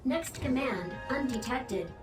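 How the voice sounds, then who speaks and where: Glitching machine system voice. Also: female voice, sits high, slow pace. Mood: malfunctioning. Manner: flat repeated error reports, clipped commands. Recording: echoey, distant, loud game music.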